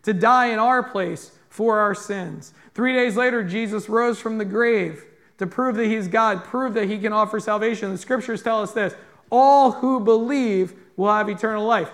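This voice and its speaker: A man's voice: high voice, moderate pace, a bit bright. A male pastor delivering a sermon to a congregation, earnest and direct, often putting questions to his listeners. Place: church in front of a congregation.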